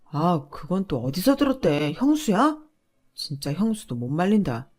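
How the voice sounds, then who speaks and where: A woman's voice: lowish voice, very animated, moderate pace, a little mellow. A woman voicing a selfish, dismissive husband who argues back defensively.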